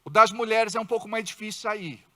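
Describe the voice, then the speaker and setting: Man, Brazilian Portuguese accent, high voice, bright tone, church sermon, dramatic quoted outbursts. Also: a little fast. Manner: acts out quoted voices with sudden loud outbursts. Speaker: pastor.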